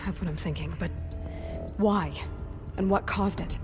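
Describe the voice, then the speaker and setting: A determined young woman hunter from a video game, voiced by an actress. She speaks in an earnest, questioning tone, with game music clearly behind her. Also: mid-range voice, measured pace, darkish tone, natural voice. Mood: puzzled. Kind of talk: game voice acting.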